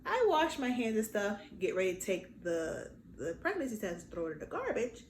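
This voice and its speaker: A young adult woman telling a personal story in a casual vlog, lively and acting out the quotes. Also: normal speed. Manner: animated, acts out quotes with big pitch jumps. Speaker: vlogger. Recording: echoey room with faint noise.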